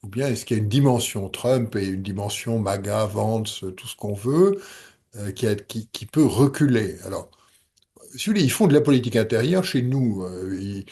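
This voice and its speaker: Brief: male panelist, husky, dark and low, emphatic. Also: lively intonation, moderate pace. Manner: emphatic, repeating words as he searches. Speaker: panel speaker. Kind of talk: conference panel discussion.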